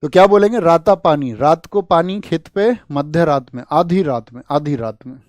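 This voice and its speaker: A male teacher from India gives an exam-prep lecture in a fairly high voice, with a dry and close sound. He keeps asking his class questions and hammers answers home by repeating them. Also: normal speed, dry recording. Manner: lively, asks the class questions, rhetorical repeats.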